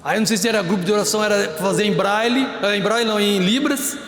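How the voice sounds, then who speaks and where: A man preaching a lively sermon at a youth prayer group, acting out stories and breaking into shouts. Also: high-pitched, fast. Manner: animated, breaks into shouts and acts out scenes. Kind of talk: lively evangelical sermon with storytelling. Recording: echoey hall with faint music.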